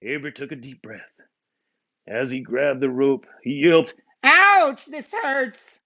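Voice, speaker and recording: A man reading a children's storybook aloud with expressive narration, on a muffled lo-fi recording. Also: medium pitch, a little slow, creaky. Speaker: storybook reader.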